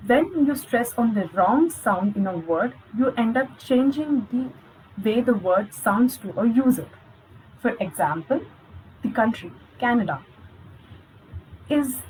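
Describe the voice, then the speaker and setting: A woman's voice: fairly high pitch, darkish tone, a little hiss or hum, low-quality recording. A young woman, giving an encouraging online lesson as a spoken coach, speaking directly to her viewers. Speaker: spoken English skills coach.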